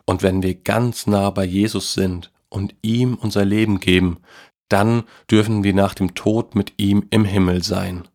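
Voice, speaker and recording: A kind, warm old grandfather from a children's storybook, put on by a man reading aloud. He speaks low and explains things gently and unhurriedly. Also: steady tone, measured pace. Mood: gentle.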